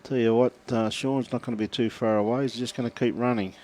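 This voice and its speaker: A man with an easygoing Australian accent calls a bowls match in a middle-pitched voice. He keeps it chatty, laughing often and reading viewer messages between shots. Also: fairly even intonation, quick pace, a little mellow. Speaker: bowls commentator. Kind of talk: live sports commentary, chatty.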